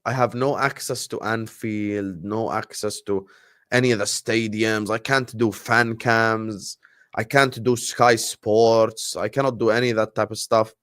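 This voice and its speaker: A Jordanian man, a native Arabic speaker with an Arabic accent, hosts a livestream watchalong, chatting casually and animatedly while shouting out his viewers. His voice sits on the low side and his pace is a little slow.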